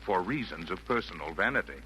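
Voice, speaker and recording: An actor playing a wise, jolly yet firm old Santa, speaking eloquent rhymed verse in a theatrical 1940s radio style. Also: male voice, low-pitched, animated, a little fast, sharp tone, husky, exaggerated voice. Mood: reasoning. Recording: noisy vintage 1940s radio broadcast.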